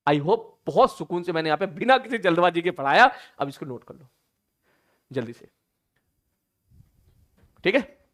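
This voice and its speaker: A man teaching an online physics lesson, talking casually to students, often checking whether they follow and slowing right down to stress key sentences. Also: high-pitched, animated, fairly bright tone.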